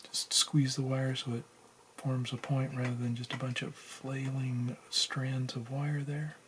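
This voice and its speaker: A man hosts a casual hands-on tutorial at an indoor workbench, thinking aloud informally as he works. His mid-range voice is level, measured and a bit bright, and the room noise is noticeable.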